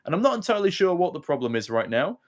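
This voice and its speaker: A man's voice: sits high, very animated, very fast. A man giving analytical live esports commentary, with wordy and emphatic phrasing.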